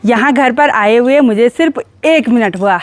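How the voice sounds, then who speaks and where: Her voice a little high and her speed normal, a young Uttarakhand woman narrates a casual outdoor vlog from her hill village in India, shot on a phone. She's chatty and upbeat, teasing neighbours, and the recording is dry.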